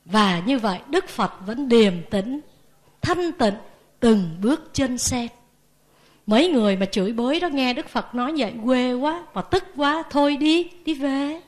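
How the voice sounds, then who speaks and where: High-voiced nun preaching. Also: female voice, unhurried. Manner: lively, asks the audience questions. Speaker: Buddhist nun. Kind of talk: sermon.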